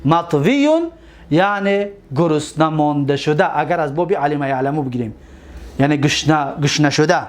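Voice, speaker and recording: Tajik-accented male teacher, high voice, rote drilling of forms with frequent quiz questions. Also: lively intonation. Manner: drills conjugations aloud, repeats and quizzes listeners. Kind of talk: Arabic grammar lesson.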